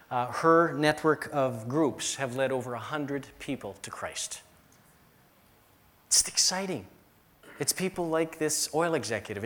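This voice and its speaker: A man's voice: medium pitch, a bit bright. A middle-aged man, a pastor from the United States, preaching a sermon and telling stories with emphatic repetition.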